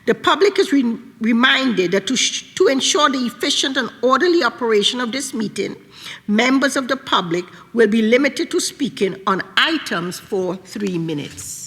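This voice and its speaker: A woman chairing a public meeting in a measured, formal way, sometimes repeating her phrases. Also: fairly high pitch, animated, a bit bright. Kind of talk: formal meeting remarks and procedure. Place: large indoor meeting room. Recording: echoey meeting hall with long reverb.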